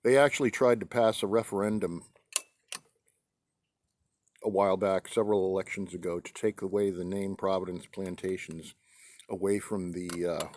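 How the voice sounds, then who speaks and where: An American man from New England talking casually and haltingly as he hosts a vlog outdoors on a deck. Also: low voice, darkish tone. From New England, United States. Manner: halting, with pauses mid-sentence. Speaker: pipe-smoking video host. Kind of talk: casual rambling vlog monologue. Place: outdoors on a deck in a light breeze.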